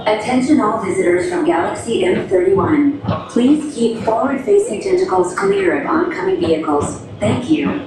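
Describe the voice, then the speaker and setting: A woman playing a polite, calm spaceport announcer, heard as a recorded loudspeaker announcement on an indoor ride, speaking in a smooth, measured way. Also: high voice. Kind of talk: scripted attraction announcement. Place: indoor theme park ride. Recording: echoey loudspeaker from far off, noisy.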